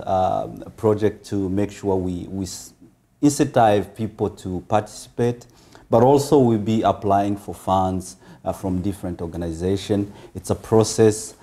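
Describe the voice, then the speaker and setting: A man from Congo, the guest of an interview, speaking in a measured way with pauses and fillers. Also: fairly low pitch, steady tone, mellow. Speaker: interview guest, foundation founder. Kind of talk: casual interview talk.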